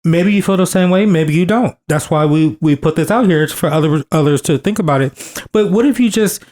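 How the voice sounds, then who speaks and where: Speaking slightly fast, a man in his thirties with a fairly high, darkish voice co-hosts a casual podcast. He's earnest, often restarting his sentences and repeating phrases for emphasis.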